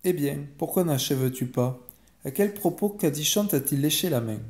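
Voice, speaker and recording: A stern, quick-tempered mother in a bedtime storybook, snapping out impatient rebukes. A man reads her, with his voice raised a little in pitch over a mellow tone. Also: lively intonation, lightly acted. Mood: scolding. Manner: sharp, scolding and impatient.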